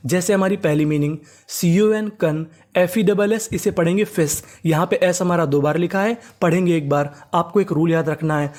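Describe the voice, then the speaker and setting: A man teaching a reading class. He spells words out letter by letter, repeats them slowly, and keeps asking the class rhetorical questions. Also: fairly high pitch, a little mellow. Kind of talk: classroom-style reading lesson.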